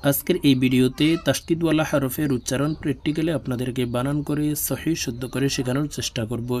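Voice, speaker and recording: A man teaching Quran letter reading in a recorded lesson, spelling syllables out slowly and repeating them for practice. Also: medium pitch, a little hiss or hum. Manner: drawn-out slow spelling drills, louder on recited syllables.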